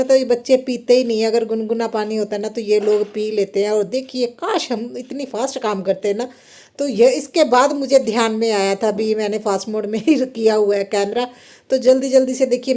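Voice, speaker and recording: A fairly high-voiced woman, talking through her housework like a daily vlog. She is chatty and homely, laughs often and keeps tucking a 'है ना' into her sentences. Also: mellow. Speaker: homemaker vlogger, mother. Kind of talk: casual vlog narration over daily chores.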